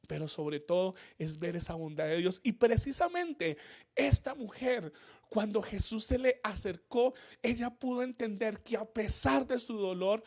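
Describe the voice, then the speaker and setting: A man's voice: high-pitched, darkish tone. Earnest male pastor preaching a sermon. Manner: earnest preaching, repeats key phrases, rises in emphasis. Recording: church livestream.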